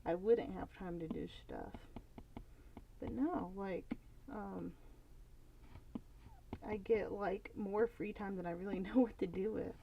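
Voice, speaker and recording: A woman's voice: medium pitch, slow, gravelly, pauses often. Rambling young woman streaming her drawing. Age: young adult. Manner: rambling, filler-heavy, thinking aloud. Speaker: art streamer. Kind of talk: casual live-stream chat while drawing. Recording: slightly dull lo-fi audio with faint noise.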